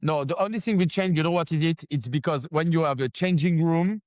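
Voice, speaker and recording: A French founder of a gym franchise answers interview questions in broken English, with a French accent, groping for words and stumbling over grammar. His voice is a little high and darkish in tone, and he talks fairly quickly. The recording is dry.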